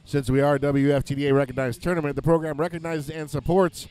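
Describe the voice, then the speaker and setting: A man's voice: on the high side, flat delivery, fast, a little mellow, clear, resonant tone. Joking man calling roller derby. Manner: joking, rattles off lists of dates and places. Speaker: play-by-play announcer.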